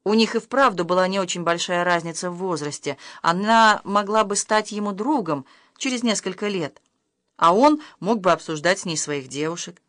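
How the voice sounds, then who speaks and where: A woman narrating a novel in a measured, even storytelling manner. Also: fairly low pitch, no room sound, clean studio sound. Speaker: audiobook narrator.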